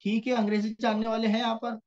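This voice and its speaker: A man's voice: sits high, flat delivery, quick pace, darkish tone. A man teaching an online grammar lesson, explaining patiently and often checking in with his students, over a computer mic on a video call. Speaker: Quranic Arabic teacher. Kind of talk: online class lecture. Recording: dull lo-fi online class audio.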